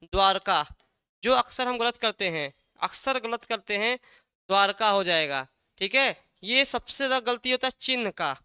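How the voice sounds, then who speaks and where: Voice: mid-range voice, normal speed, few pauses, sharp tone, clear, resonant tone, dry recording, clean studio sound. A teacher giving an exam-prep language lesson, asking a question and then answering it, repeating key words again and again.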